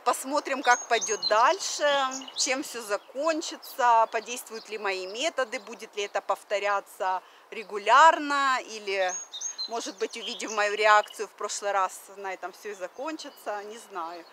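Talking casually into a phone camera at arm's length, this thirty-something vlogger from Russia stands on a wooden deck beside a river. Her voice is medium in pitch and moderate in pace. She's chatty, uses lots of fillers and slips in English phrases, and the outdoor phone recording carries faint background noise.

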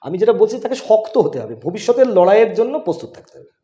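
A man's voice: high-pitched, very animated, rapid-fire, warm tone, muffled recording. A middle-aged man, a school headmaster, answering interview questions in an emphatic, insistent way. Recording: roomy, echoey room.

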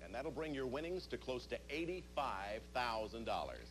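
A man's voice: medium pitch, sing-song, normal speed, music in the background. A middle-aged man hosting a television quiz show, reading out questions to contestants in a studio. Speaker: game show host. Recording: noisy vintage TV tape.

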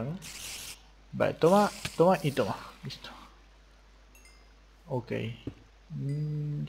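A young man with an Argentine Spanish accent talks his way through a Minecraft survival run. His voice sits somewhat high, and he swings from low muttering to sudden excited shouts as things go wrong. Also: creaky, a little hiss or hum. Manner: excitable, jumps between mutters and high yelps. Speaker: gaming youtuber. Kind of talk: casual Minecraft let's play commentary.

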